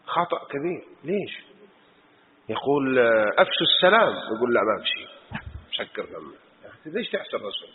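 A man's voice: mid-range voice, big pitch swings, fast, long pauses, background noise. A man teaching a mosque lesson, admonishing with rhetorical questions. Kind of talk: religious lesson. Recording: tinny phone-like recording in a reverberant hall.

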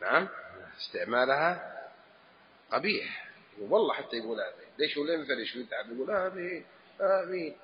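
A man, a religious scholar, delivers a lesson with emphasis and acts out the phrases he quotes. His voice sits at a middle pitch and carries a long reverb from a large hall. The recording is dull and lo-fi with a faint hiss underneath. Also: lively intonation, fast talker. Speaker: religious scholar answering questions.

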